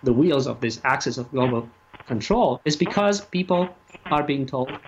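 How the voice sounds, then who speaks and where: A man giving opinions as a radio interview guest, speaking haltingly and emphatically and repeating his phrases. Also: mid-range voice. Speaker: talk show guest and activist. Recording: muffled lo-fi audio, faint noise.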